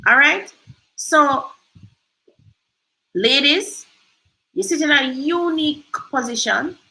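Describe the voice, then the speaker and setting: A woman's voice: high voice, takes it slowly, pushed and bright, low-quality recording. A Jamaican woman hosting a livestream, giving emphatic motivational advice and slipping into patois. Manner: emphatic, preachy, switches into patois. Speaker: host.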